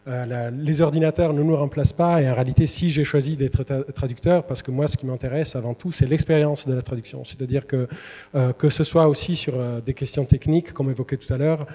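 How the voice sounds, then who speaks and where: A male literary translator whose first language is Italian presents to students in a university lecture hall. His medium-pitched voice is steady, mellow and fairly quick, though he hesitates with many fillers and restarts, and a long reverb from the large hall fills the recording.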